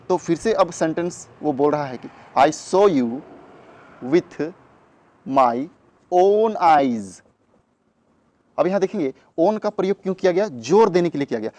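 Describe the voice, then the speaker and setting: A man gives a classroom grammar lesson and repeats each point, asking a question and then answering it. His voice sits a little high for a man. The recording is dry and close, with no room sound. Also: darkish tone, dry recording. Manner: repetitive, asks rhetorical questions then answers them. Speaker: English grammar teacher.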